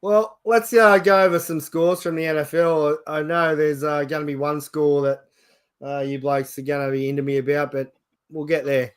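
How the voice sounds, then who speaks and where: A man's voice: on the high side, little pitch movement, normal speed, clean tone. A man with an Australian accent hosting a casual sports chat show.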